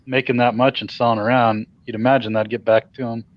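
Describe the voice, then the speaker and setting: A man's voice: mid-range voice, level tone, quick pace, no echo. A man co-hosting a casual podcast chat, reacting with skeptical comments and chuckles. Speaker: podcast co-host. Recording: dull, lo-fi sound.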